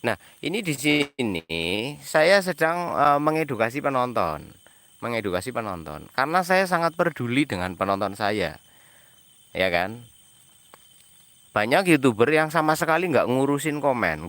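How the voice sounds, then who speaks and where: A man's voice: medium pitch, big pitch swings, normal speed, a bit bright, dry recording. A man, a content creator on a live stream, answering viewers' comments in an exasperated, argumentative way and repeating himself.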